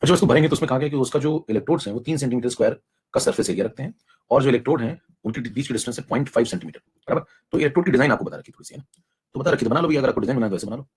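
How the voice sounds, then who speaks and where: A young man lectures a live online chemistry class at a breakneck clip. His voice is husky and worn, held back softly to spare it. He coaxes students along, dropping English technical terms into his speech. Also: medium pitch. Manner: rapid, coaxing, mixes in English technical terms. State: saving his voice, speaking softly. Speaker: chemistry teacher.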